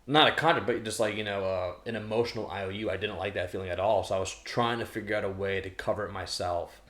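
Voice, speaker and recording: Man in his thirties, lowish voice, casual rambling chat, echoey room. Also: fast, fairly bright tone. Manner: rambling, full of restarts and fillers. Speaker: podcast co-host. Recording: roomy echo.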